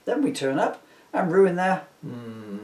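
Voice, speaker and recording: A man's voice: fairly high pitch, sing-song, slow pace, a little mellow. A man voicing a sardonic, henpecked, foul-mouthed Christmas ghost in a comic audiobook, rambling and complaining in mock-archaic words. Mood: matter-of-fact, gleeful. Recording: roomy, echoey, distant microphone.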